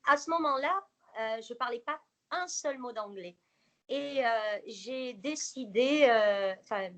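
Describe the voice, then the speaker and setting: A woman in her forties telling her life story to a small group, with many fillers and hesitations. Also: fairly high pitch. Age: 40s. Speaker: guest speaker.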